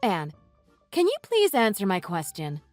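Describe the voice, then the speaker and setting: A woman voicing a furious wife who mocks and cuts into her in-laws with sarcasm, over soft music. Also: medium pitch, wildly swooping pitch, a little slow, no room sound. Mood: sweet. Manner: sarcastic, cutting, mocking. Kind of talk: read-aloud text-message story. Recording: dry voice with soft music underneath.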